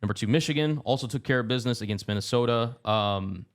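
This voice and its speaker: A young man with a mid-range voice co-hosts a casual sports podcast, running through rankings in a quick broadcaster's manner.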